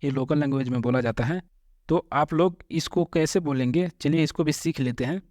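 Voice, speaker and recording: A man's voice: a little high, a little mellow, no room sound, studio quality. A man teaching Arabic phrases step by step. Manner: repeats each phrase slowly, then explains it word by word. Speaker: language teacher. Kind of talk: spoken Arabic lesson.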